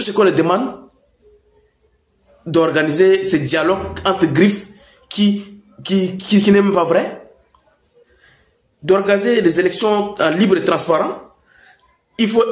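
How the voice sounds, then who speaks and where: A man speaks. His delivery is informal yet impassioned political commentary, leaning on repetition to hammer points home. The room around his voice rings with clear echo. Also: high voice. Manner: emphatic, repeats phrases for stress. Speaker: political commentator addressing youth. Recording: echoey room.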